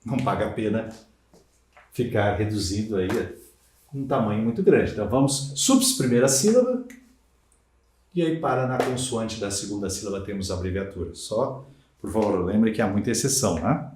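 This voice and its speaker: A male teacher from Brazil gives an exam-prep lecture, stressing points with emphatic questions and tags. His mellow voice swings widely in pitch. The sound carries the echo of a classroom. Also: normal speed, slight background noise. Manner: lively, emphatic teaching with frequent rhetorical tags. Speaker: Portuguese language teacher. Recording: echoey room.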